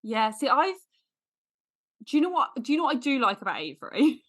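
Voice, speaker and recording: A woman's voice: high-pitched, big pitch swings, fairly quick, a bit bright. A woman co-hosting a podcast, chatting casually, playful and laughing often. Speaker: podcast co-host. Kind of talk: casual chat.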